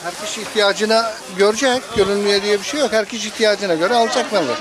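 Man, casual street talk, brisk pace, heavy crowd noise outdoors. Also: sits high, low-quality recording. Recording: very loud market crowd.

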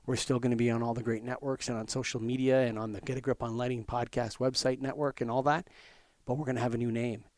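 A man's voice: medium pitch, little pitch movement, quick pace, darkish tone, dry recording. A man hosting a podcast in a loose, casual way, often restarting and stumbling over words. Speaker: podcast host. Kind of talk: casual interview chat.

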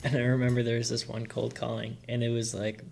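Gravelly-voiced easygoing man. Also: medium pitch, completely flat delivery, fast talker, darkish tone. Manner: easygoing, laughs easily, many fillers. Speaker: podcast co-host. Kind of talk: casual podcast chat.

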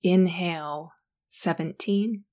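A woman guiding a sleep meditation in a calm, soothing, slow manner. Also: on the low side. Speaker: meditation guide.

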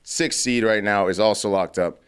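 A man's voice: fairly low pitch, normal speed, smooth. A man co-hosting a casual sports podcast, blunt, profane and argumentative, chewing gum as he talks. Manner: chewing gum while talking. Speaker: podcast co-host.

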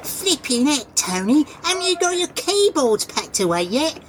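A woman's voice: sits high, very animated, normal speed, a little hiss or hum. A woman as Phil, a nagging British bandmate. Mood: blunt, chiding. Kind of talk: comedy audio sketch acting.

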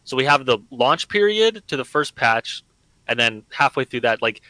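A man's voice: mid-range voice, big pitch swings, moderate pace, bright, forceful tone, no room sound, low-quality recording. A man on a gaming podcast, emphatic, building his points and checking in with listeners. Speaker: podcast guest. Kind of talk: casual gaming discussion.

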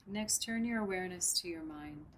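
A woman guiding a breathing meditation in a soft, soothing, unhurried way. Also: fairly low pitch, a little hiss or hum. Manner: slow, soft, soothing instruction. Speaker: meditation guide. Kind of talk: guided meditation.

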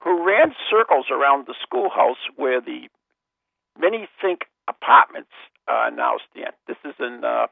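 A man's voice: medium pitch, huge pitch swings, measured pace, vocal fry, no room sound. A man co-hosting a talk show over a phone line with a headset, his voice thin and tinny. He chats and tells stories in a rambling, joking way and often trails off mid-sentence. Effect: tinny sound through a phone-line headset mic. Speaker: co-host of a paranormal talk show. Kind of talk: casual radio chat and storytelling.

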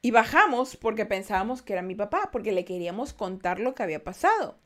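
A young woman telling true ghost stories in casual podcast talk, acting out quoted lines with loud bursts and often restarting her sentences. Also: medium pitch, sing-song, fast. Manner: frequent restarts, turns quiet and reflective. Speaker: podcast host. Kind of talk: casual storytelling.

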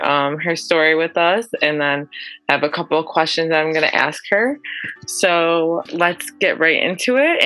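A young woman hosts a podcast in a casual, friendly way, laughing often and scattering "um" through her questions. Her voice sits low for a woman but has a bright, forward edge. Soft music plays faintly behind her. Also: clean tone, dry recording, rough recording. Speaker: podcast host. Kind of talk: casual interview chat.

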